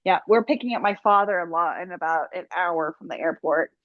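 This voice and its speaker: A woman's voice: on the low side, fairly quick, dry recording, narrow, tinny audio. A young woman co-hosting a podcast, chatting casually and rambling, tripping over words now and then. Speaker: podcast co-host. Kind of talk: casual chat.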